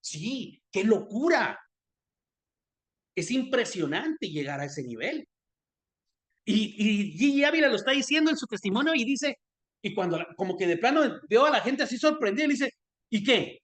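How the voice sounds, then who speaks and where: A man with a high-pitched voice talks through a story of forgiveness as he preaches. His delivery is earnest and conversational, and he often stumbles and restarts mid-sentence. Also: sing-song, normal speed, a bit bright.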